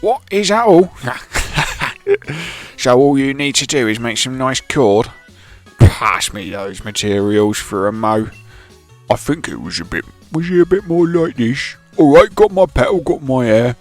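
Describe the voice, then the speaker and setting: A man voicing a cheerful, rough-spoken older man in a put-on London-style accent, clipping his word endings, over faint game music. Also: mid-range voice, lively intonation, measured pace, lightly acted. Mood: jaunty. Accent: put-on London-ish clipped accent. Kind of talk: reading game dialogue aloud.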